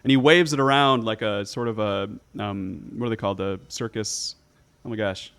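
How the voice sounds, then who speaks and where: A man's voice: lowish voice, fairly even intonation, moderate pace, fairly bright tone, clear, resonant tone. A man improvising descriptive narration as game master of a tabletop game, searching for his words as he goes.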